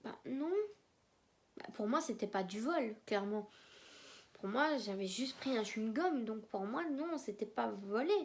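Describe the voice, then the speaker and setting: A young woman from German-speaking Belgium, a native German speaker, tells a casual story to camera in a vlog. Her voice is a little high, with lively intonation and a measured pace, and she rambles, repeats herself, and sounds hesitant.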